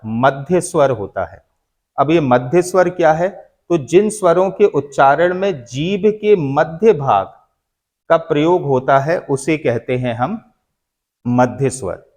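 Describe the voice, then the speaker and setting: Guy teaching grammar, slow and patient, kinda high voice, quizzes the class then answers himself. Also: a little mellow. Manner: asks questions and answers them himself, calls students "beta"; slow, drawn-out explanation.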